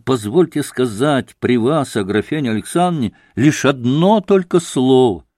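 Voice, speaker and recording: A man's voice: mid-range voice, expressive, normal speed, a little mellow, dry recording, clean studio sound, lightly acted. A man reading as an accused young man pleading. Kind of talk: audiobook character reading.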